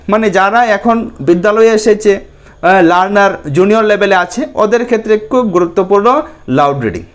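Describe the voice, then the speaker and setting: Male tutor, higher-pitched voice, Bengali accent, slow English reading then plain explanation. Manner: explains in Bengali, reads English points slowly then translates. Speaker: teacher. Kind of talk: exam-prep lecture.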